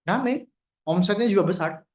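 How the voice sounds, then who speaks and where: A man's voice: high voice, animated, moderate pace, darkish tone. A man teaching a workshop class in a casual way, asking the audience questions. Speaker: workshop trainer. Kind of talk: workshop lesson. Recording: echoey room.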